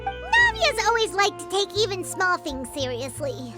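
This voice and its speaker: A woman voicing a tiny, excitable female fairy companion who talks about herself in the third person, in a video game. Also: a little slow, full character voice. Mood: chirpy. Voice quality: squeaky, childlike. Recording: game audio with clear music behind.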